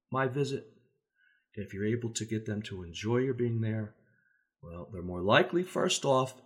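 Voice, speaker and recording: Man giving folksy safety advice. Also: mid-range voice. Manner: relaxed, folksy, uses everyday examples; acts out contrasting voices to make points. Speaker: safety speaker and trainer. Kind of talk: conversational instructional talk.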